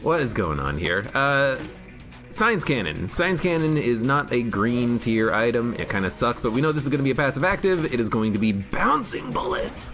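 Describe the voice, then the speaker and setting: Guy streaming a game, rambly and jokey, pitch bouncing all over, game music behind. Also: sing-song, moderate pace, fairly bright tone. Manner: rambling, jokey, reads chat aloud. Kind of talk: casual gameplay commentary.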